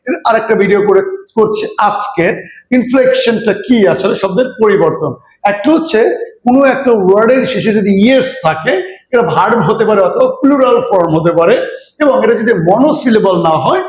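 A man with a high, light voice teaches a pronunciation lesson in a roomy, echoing space. He works through word lists deliberately, repeating each item and asking his students questions as he goes. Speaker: English teacher. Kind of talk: spoken language lesson. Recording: roomy echo.

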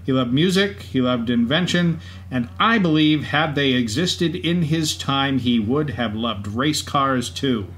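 With racetrack event sounds faintly audible behind him, a male podcast co-host delivers scripted narration. His mid-range voice is unhurried and a bit bright.

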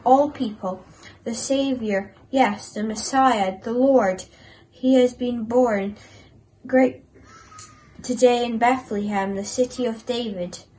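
A calm angel, read by a woman close to her own voice, brings the news in a gentle, measured, unhurried way. Its voice sits slightly high and has a homely storybook feel. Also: poor audio. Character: calm, reassuring angel messenger.

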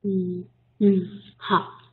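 A woman teaching English pronunciation in an online group lesson, patiently coaching and modeling sounds slowly. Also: fairly low pitch, flat delivery. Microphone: voice chat. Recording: tinny phone-like line.

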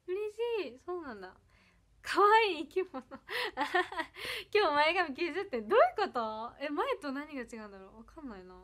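At home on a birthday livestream, a young woman from Ehime, Japan, talks casually in a high voice with an Iyo-dialect accent tinged with Kansai. She reads out viewer comments and giggles often, and her lines tend to fade off softly.

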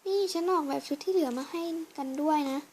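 A woman performing a fan voice drama, switching quickly between characters. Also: high-pitched, background noise. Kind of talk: fan voice drama with many roles.

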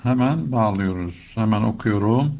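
A middle-aged man teaching Quran recitation step by step, explaining patiently and chanting verses slowly. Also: lowish voice, a little mellow. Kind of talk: slow step-by-step recitation lesson.

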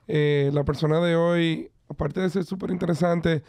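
A man's voice: fairly high pitch, steady tone, normal speed, creaky, darkish tone, no echo, clean studio sound. Man hosting a podcast. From Dominican Republic. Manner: friendly, mixes in English phrases. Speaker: podcast host. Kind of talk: casual podcast interview.

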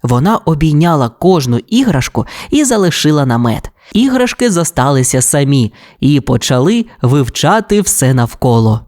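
A woman narrating a children's audiobook tale in an expressive, animated way. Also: sits low, normal speed, few pauses.

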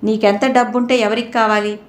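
A woman voicing a short-tempered, blunt, wealthy middle-aged father in a storybook reading, speaking loudly and abruptly. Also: fairly high pitch, flat delivery, a little fast, lightly acted. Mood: angry scolding. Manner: scolding, loud and abrupt.

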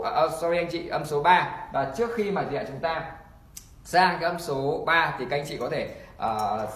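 A man teaching an online pronunciation lesson, repeating example words slowly and encouraging learners. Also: on the high side, a bit bright, slight background noise. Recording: echoey room.

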